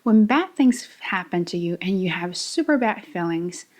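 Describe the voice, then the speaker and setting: A woman hosting a podcast English lesson. She coaches the listener directly and shows intonation with big swings in pitch and loudness. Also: lively intonation, moderate pace.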